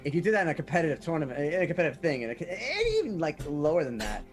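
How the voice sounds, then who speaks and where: A man's voice: fairly high pitch, very animated, rapid-fire. Chatty young man, laughing, faint music. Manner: chatty, laughs easily, hesitant explaining. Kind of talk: casual chat on a live stream.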